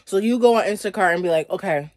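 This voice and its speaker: This is a fast-talking woman in her thirties with a medium-pitched, slightly mellow voice, eating and chewing while she chats conversationally to viewers and keeps saying "like". She's in a small indoor bedroom, and the studio-quality audio has no echo.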